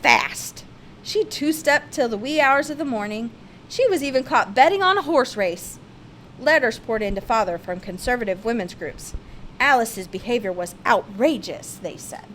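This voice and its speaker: Reading a children's picture-book biography aloud, a woman uses theatrical, emphatic expression. Her voice sits on the high side, animated and fairly bright, at a moderate pace, with slight background noise.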